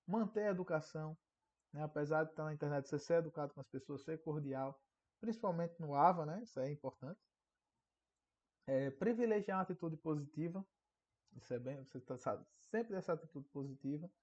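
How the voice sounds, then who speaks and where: A man teaching an online course in a casual lecture, often checking in with a quick tag question. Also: fairly high pitch, a little mellow. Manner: conversational, frequent tag questions. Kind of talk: recorded online class lecture. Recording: dull lo-fi audio.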